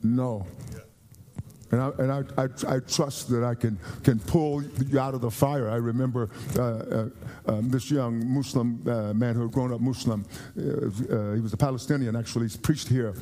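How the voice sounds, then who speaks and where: A man from the United States preaching a sermon earnestly, often repeating and restarting phrases and slowing down to stress a point. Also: mid-range voice, fairly even intonation, warm tone, a little hiss or hum. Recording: long hall reverb.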